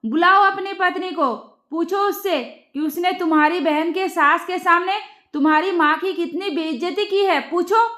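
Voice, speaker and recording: A woman's voice: extremely high pitch, normal speed, a bit bright. A woman voicing an angry middle-aged mother-in-law who scolds her son about his wife. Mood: furious. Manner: scolding, furious. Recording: roomy echo.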